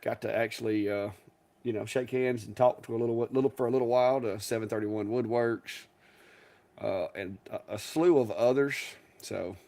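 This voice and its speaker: A man's voice: medium pitch, normal speed, dark tone. A man co-hosting a live stream, talking casually in a rambling, folksy way. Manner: rambling, folksy, restarts and chuckles. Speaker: co-host.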